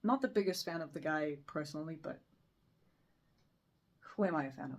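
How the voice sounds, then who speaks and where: A woman's voice: low-pitched, lively intonation, moderate pace. A young woman from Romania in a casual, rambling chat, self-deprecating and full of fillers. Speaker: book vlogger. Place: bedroom.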